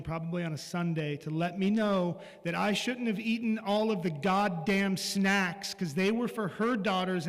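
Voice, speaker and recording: Middle-aged man, light higher voice, telling a personal story frankly, with casual swearing; long hall reverb. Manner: candid and confessional, with casual swearing. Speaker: speaker sharing a personal story.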